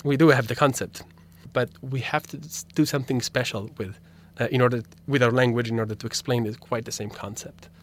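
Speaking briskly with hardly any pauses, a young Italian-accented man, native in Italian, explains his philosophy research as a graduate student on the radio. His medium pitch carries fairly even intonation over slight background noise, yet he often restarts and uses fillers as he thinks.

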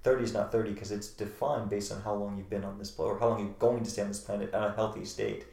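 Gravelly man giving earnest life advice. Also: lowish voice, level tone, fast, darkish tone. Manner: earnest, emphatic, repeats key phrases. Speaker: interview guest. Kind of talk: motivational interview answers. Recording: roomy echo.

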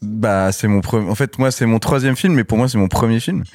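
A man speaking as a film director guest in a casual interview chat, relaxed and hesitant with many fillers. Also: on the low side, fairly quick, dry recording, studio quality.

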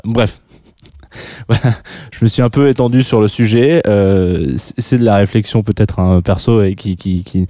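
A man's voice: fairly low pitch, mellow, no room sound, studio quality. A man hosting a radio music show, chatting casually and rambling as he corrects himself while introducing a track. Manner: rambling, musing and self-correcting.

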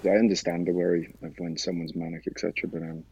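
A man telling his own story in a casual interview, halting with many fillers and restarts. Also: low-pitched, little pitch movement, gravelly, darkish tone, slightly rough, rough recording. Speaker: guest sharing his story.

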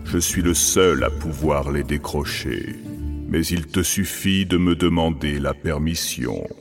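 A man voicing a proud, wise male griffon with a deep booming voice, speaking slowly and solemnly. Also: faint music behind. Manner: slow, solemn.

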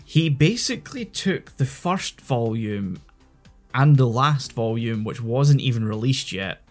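A man's voice: medium pitch, animated, measured pace, soft background music. A man with a Scottish accent co-hosting a podcast, explaining in a rambling, self-correcting casual chat. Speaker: podcast co-host.

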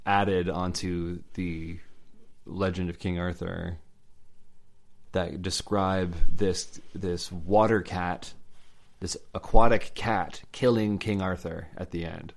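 Deep-voiced man rambling about legends. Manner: halting, many fillers and restarts. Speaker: podcast co-host. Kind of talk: casual chat about legends.

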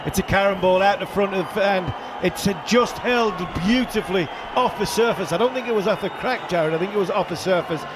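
A man's voice: sits high, fairly quick, few pauses, a crowd in the background. A man giving analytical cricket commentary, explaining the play and repeating points for emphasis. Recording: noisy outdoor broadcast. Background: stadium background noise.

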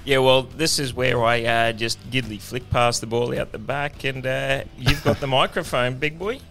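A man's voice: mid-range voice, steady tone, moderate pace, a bit bright, faint music behind. An Australian man co-hosting a podcast from a studio, upbeat and jokey with teasing banter. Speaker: podcast co-host. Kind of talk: casual chat.

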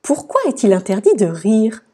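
A woman voicing a cheerful, kindly lady in a storybook, polite and gently firm. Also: medium pitch, very animated, moderate pace, breathy edge, pitched above the performer's own voice. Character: cheerful, kindly lady who spreads happiness.

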